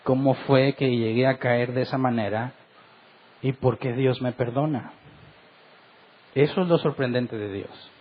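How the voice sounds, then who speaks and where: A man's voice: mid-range voice, fairly even intonation, a little slow, pauses often, narrow, tinny audio. A middle-aged man, a pastor, preaching earnestly in a Bible study and asking his listeners rhetorical questions.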